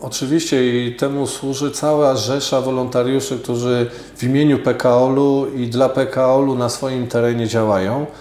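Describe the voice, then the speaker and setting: A man in his forties, a sports official answering radio interview questions in a measured, hesitant way with many fillers, in an office studio on a lapel mic. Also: medium pitch, little pitch movement, a little mellow. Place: office studio with glass table. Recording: roomy echo.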